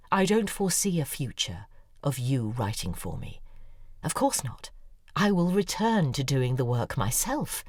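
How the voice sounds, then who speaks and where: In an audio drama, a woman with a rumbling low, slightly mellow and husky voice fully plays a neurotic, desperate novelist confiding in her ghostwriter. She pleads confessionally, often dropping to a whisper, recorded dry in a studio with faint music.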